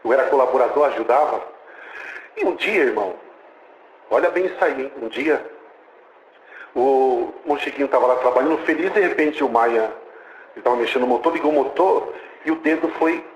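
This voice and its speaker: A man's voice: medium pitch, echoey room, slight background noise, poor audio. A Brazilian man preaching a testimony, telling the story with animation and acting out the dialogue. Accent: Brazilian Portuguese. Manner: animated storytelling, acts out dialogue, exclaims praise.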